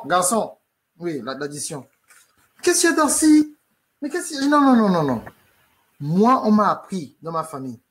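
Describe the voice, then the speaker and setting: A man from Africa, working as a life coach, tells a comic story, acting out the scenes and repeating himself for emphasis. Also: a little high. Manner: animated, repeats "no no no", acts out scenes.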